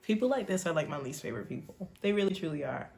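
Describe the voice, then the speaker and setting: A woman's voice: on the low side, animated, fast talker, creaky. American woman reacting casually, music behind. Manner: colloquial, talks back to the screen. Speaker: reaction show host.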